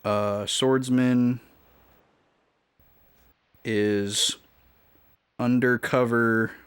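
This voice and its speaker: Playing through a video game on stream, a man thinks aloud, jokes around, and takes notes in a casual commentary style. His smooth voice is medium in pitch and steady in tone, and his pace is very slow.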